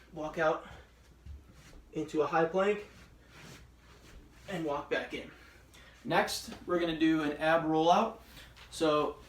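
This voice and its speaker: Male workout instructor, a touch high, calm step-by-step cues, a bit breathless, distant mic in an echoey room. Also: slight background noise. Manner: cueing exercises step by step, encouraging. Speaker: fitness instructor. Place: room at home with a ceiling fan.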